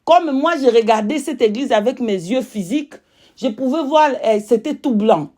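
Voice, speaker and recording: A religious witness whose first language isn't French testifies in accented French, using a fairly high voice with a dark tone. She is emphatic, repeats herself, and pauses to look for words.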